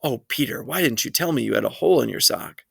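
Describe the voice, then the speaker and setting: A man reading aloud voices a fussy, worried mother of two boys, talking higher and slower than his own voice. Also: expressive, gravelly, breathy edge, no room sound, clean studio sound, full character voice. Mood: fretful. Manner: anxious, fussing, higher slower voice.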